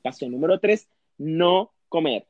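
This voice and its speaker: A man's voice: on the high side, lively intonation, a little slow, a little mellow, no room sound, lo-fi sound. A man co-hosting a podcast, giving comic mock advice in a theatrical, mocking way and acting out other people's voices. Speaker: podcast co-host.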